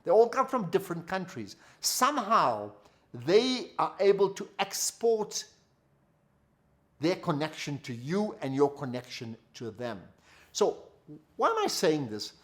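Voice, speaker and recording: A man's voice: a little high, sing-song, measured pace, a bit bright. A man giving a motivational masterclass. He repeats key phrases for emphasis and asks rhetorical questions. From South Africa. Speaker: company founder giving a masterclass.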